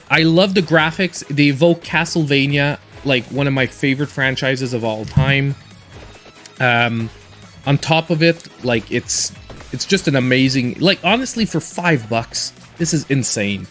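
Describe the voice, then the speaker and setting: A man's voice: mid-range voice, fairly bright tone. A man in his forties chatting casually and in a reserved way while he live-streams a game as host. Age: 40s.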